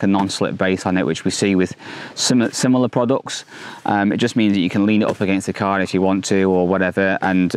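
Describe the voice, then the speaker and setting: A man in his thirties hosting a fishing channel, reviewing a product to camera outdoors by a lake, upbeat and enthusiastic with frequent fillers and restarts, on a lapel mic. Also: fairly low pitch. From England.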